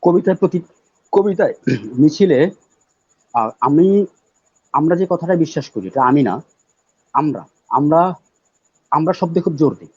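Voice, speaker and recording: A man speaking as a guest poet on a live talk show, loud and emphatic, repeating words for stress. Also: a little high, lively intonation, measured pace, long pauses, slightly rough, no room sound. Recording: dull, dry lo-fi audio.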